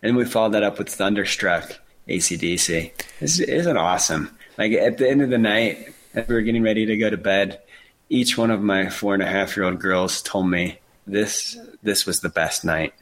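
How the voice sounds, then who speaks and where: A podcast co-host in his thirties tells stories about himself in earnest, laughing at his own expense during a casual chat. His voice is fairly low and a bit bright with a mild nasal quality, and he talks at a normal speed.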